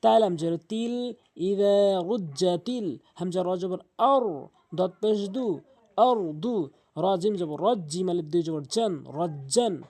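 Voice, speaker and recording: A man teaching Quran reading, patiently spelling out each letter with its vowel, then chanting the verse slowly and drawn out. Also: high voice, expressive, a little mellow. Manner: patient, repetitive instruction with frequent pauses. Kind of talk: spelling-out recitation lesson.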